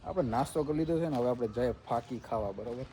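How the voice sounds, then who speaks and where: A man's voice: mid-range voice, fast, mellow, slight background noise. A young man with a Saurashtra Gujarati accent vlogging casually, playful and teasing. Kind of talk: casual family vlog.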